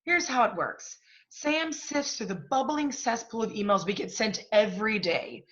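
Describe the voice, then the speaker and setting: In a one-act play, an actress voices a domineering literary agent who is blunt, profane and impatient. Her fairly high, slightly bright voice is expressive at a normal pace, and the mood is cynical and emphatic. The recording sounds a little dull and lo-fi.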